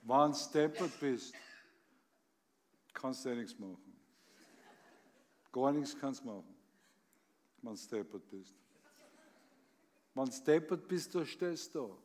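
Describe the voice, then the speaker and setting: A man's voice: medium pitch, expressive, slow, long pauses, a little hiss or hum. A man with an Austrian accent reciting comic poems on stage with a theatrical, emphatic delivery. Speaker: actor reading on stage.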